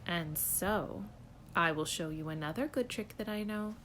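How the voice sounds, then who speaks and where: A woman's voice: lowish voice, unhurried, a bit bright, slight background noise. A woman voicing a playful, showy cat in a tall hat, in a bouncy, reassuring sing-song, reading a storybook aloud. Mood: cheerful.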